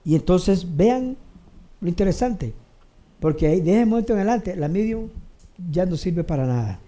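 A preacher giving a sermon to a congregation, addressing them directly, repeating phrases for emphasis and swinging between raised emphatic lines and low quiet asides. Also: lively intonation, moderate pace.

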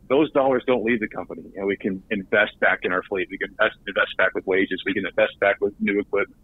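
A man's voice: lowish voice, husky. Earnest man on a tinny phone line. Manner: earnest, repeats words as he restarts. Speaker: recruiting director guest. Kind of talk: podcast interview.

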